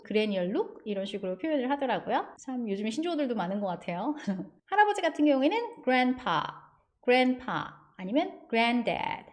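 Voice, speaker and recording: Higher-voiced woman teaching English slowly. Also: a little mellow. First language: Korean. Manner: patient, drills words slowly for students to repeat. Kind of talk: online English grammar lesson.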